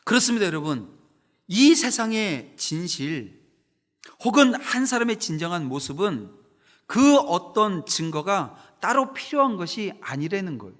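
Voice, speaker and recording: A man's voice: sits high, big pitch swings, measured pace, a bit bright. A middle-aged man preaching a Sunday sermon as pastor, emphatic, asking the congregation rhetorical questions. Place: church sanctuary. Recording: reverberant church sanctuary.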